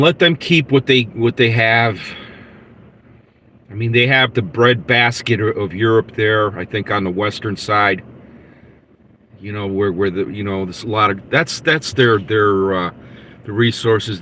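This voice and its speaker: A man of sixty hosting a live podcast, talking in a rambling, halting way with many fillers and restarts. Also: fairly low pitch, fairly bright tone, a little hiss or hum. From United States. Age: 60s. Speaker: podcast host reading live chat. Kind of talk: casual live-stream chat.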